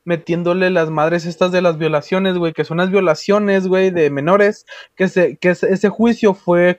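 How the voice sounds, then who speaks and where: A man's voice: fairly high pitch, no room sound, muffled recording. A young man with a Mexican accent chatting casually in slangy, heavily sweary street talk. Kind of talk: casual chat.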